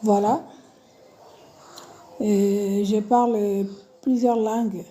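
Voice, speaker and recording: A woman's voice: medium pitch, little pitch movement, drawn-out words, warm tone. A woman with a Portuguese accent hosting a casual live stream from her phone, repeating greetings and correcting her own wording. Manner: repetitive greetings, self-correcting over word choice.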